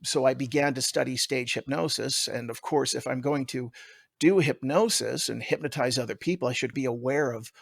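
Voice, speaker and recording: A man tells his own story conversationally, as a seasoned stage performer would. His voice sits at a middle pitch with a lot of gravelly creak. The sound is dry, with no room around it. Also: normal speed, no echo.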